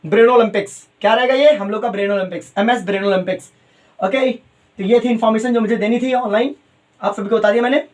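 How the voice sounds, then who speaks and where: A man with a fairly high voice, teaching chemistry to coaching students. He talks to them fondly as "beta" and drags out key terms syllable by syllable so they can note them down. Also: fairly even intonation, a little mellow. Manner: calls students "beta", repeats terms slowly, mixes English phrases.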